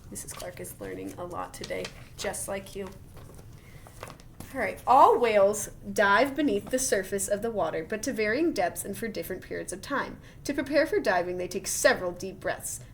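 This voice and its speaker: Her mid-pitched voice bobbing up and down animatedly, a woman reads a children's science book aloud in a teacherly style. Exclamations of wonder and encouraging, chatty asides to children pepper the reading, and faint noise sits in the background.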